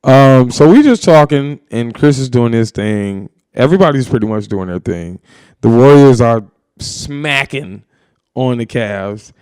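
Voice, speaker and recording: Young guy podcast host, loud and rowdy storyteller, voice jumps up and down a lot. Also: medium pitch, unhurried, clear, resonant tone, no room sound. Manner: loud, animated storyteller, swears freely. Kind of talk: casual podcast banter.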